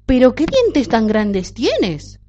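Woman doing Caperucita, a high little girl. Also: huge pitch swings, slow, a little hiss or hum, exaggerated voice. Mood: innocent. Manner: bright, eager, childlike. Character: sweet little girl in a red cape. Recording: dull lo-fi recording.

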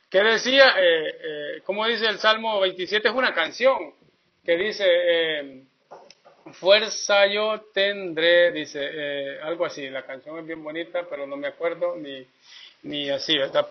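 A high-voiced man preaches a loose, folksy sermon, drifting into jokes and asides and checking in with his listeners again and again. The recording sounds dull and lo-fi. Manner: folksy, tells jokes, keeps asking "¿verdad?".

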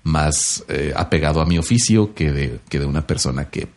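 A man's voice: very deep voice, normal speed. A young man from northern Mexico with a northern Mexican accent, a voice-over announcer co-hosting a podcast in casual, joking chat. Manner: relaxed, joking, laughs often.

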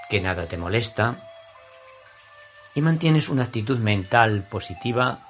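A male yoga teacher with an accent from Spain leads a guided class. His voice is on the low side and his pace is very slow. He sounds soothing and deliberate, leaving space between short phrases.

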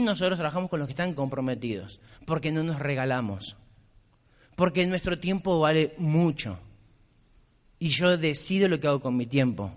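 Emphatic Argentine man in echoing hall. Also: a little high. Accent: Rioplatense Argentine Spanish. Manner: emphatic, insistent, repeats points. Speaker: motivational speaker. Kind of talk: motivational business talk. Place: large convention hall. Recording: reverberant convention hall.

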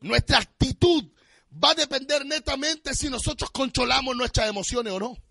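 A pastor, preaching a sermon with impassioned, often shouted, sung-out phrases. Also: male voice, very high-pitched, normal speed, gravelly, no room sound. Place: church.

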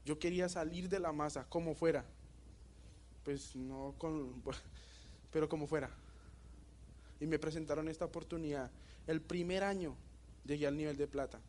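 A young man with a Bogotá Colombian Spanish accent, giving a motivational talk and telling a story with animated energy, often asking the audience questions. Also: on the high side, a little hiss or hum. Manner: animated storytelling, asks the audience questions, laughs at his own jokes. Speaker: motivational speaker.

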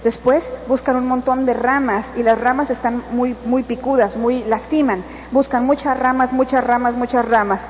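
A woman's voice: fairly high pitch, steady tone, moderate pace, hardly any pauses. A woman with a Mexican accent giving an earnest, coaxing motivational speech at a convention, addressing the listener directly. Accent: Mexican Spanish. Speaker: motivational speaker. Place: convention hall. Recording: echoey hall, dull sound, faint noise.

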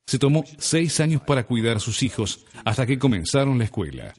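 Male audiobook narrator, measured and deliberate, animated intonation, slight husk. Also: medium pitch, husky. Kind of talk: scripted self-help narration. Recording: long reverb.

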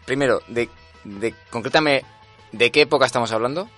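Bright-voiced man, mock-pedantic rambler. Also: medium pitch, normal speed, faint music behind. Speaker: podcast co-host. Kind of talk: improvised comedy banter.

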